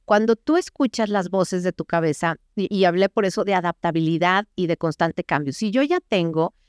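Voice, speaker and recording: Smooth-voiced woman explaining warmly. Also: fairly low pitch, normal speed, no room sound, studio quality. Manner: animated, acts out inner voices while explaining. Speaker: clinical psychologist guest. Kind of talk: explanatory interview talk.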